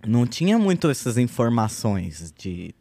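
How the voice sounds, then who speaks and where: A man in his thirties, a guest artist in a relaxed podcast chat, telling his story with slang and lively quoted speech. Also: medium pitch, moderate pace, vocal fry, no room sound. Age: 30s.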